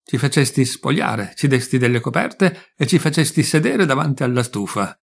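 A man with a gravelly voice reading the lines of a fond, talkative elderly mother in an audiobook story. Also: medium pitch, lively intonation, normal speed. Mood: reminiscing. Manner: gentle, reminiscing, affectionate.

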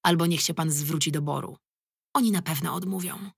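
A woman voicing a weary middle-aged male police commander, gruff but fatherly, who speaks firmly and plainly. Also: low voice, a little fast, no room sound, studio quality, exaggerated voice. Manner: firm, tired and plain-spoken.

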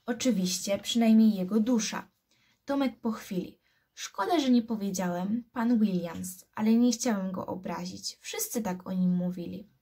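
A woman doing a scared boy in a hushed whisper. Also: medium pitch, moderate pace, slightly rough. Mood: fearful.

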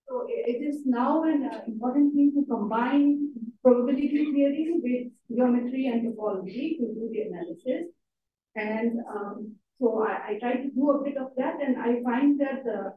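A woman's voice: fairly high pitch, a little hiss or hum. A woman in the audience asking a lecturer a question, hesitant and full of fillers. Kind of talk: question from the floor. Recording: tinny, echoey hall sound from far off.

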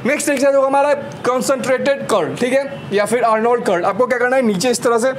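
High-voiced young man coaching a workout. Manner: energetic coaching, repeated "slowly slowly" and counting cues. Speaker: fitness trainer. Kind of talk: home workout demonstration. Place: rooftop terrace outdoors. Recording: noisy outdoor rooftop recording. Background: outdoor street ambience, vehicles.

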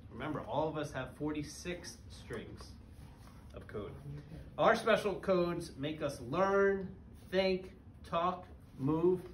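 Wearing a face mask, a parent guest reader in his thirties reads a picture book aloud to young kids in a small elementary classroom, using easy wording and quizzing them as he goes. His voice is on the high side. Captured by a camera several metres away, the audio sounds roomy and far off, with background noise.

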